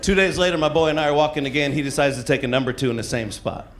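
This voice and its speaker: A man's voice: a little high, rapid-fire, fairly bright tone. A middle-aged man performing stand-up comedy as conversational, profane storytelling, acting out bits of dialogue. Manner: acts out dialogue and reactions. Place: live venue in front of an audience. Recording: noisy live comedy club recording.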